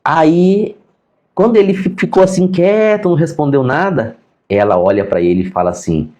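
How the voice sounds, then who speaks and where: A man's voice: fairly high pitch, normal speed. A man with a Brazilian accent, a sign language teacher and interpreter, telling stories in a casual lesson and acting out the dialogue. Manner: animated, acts out quoted dialogue. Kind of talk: casual storytelling lesson to viewers.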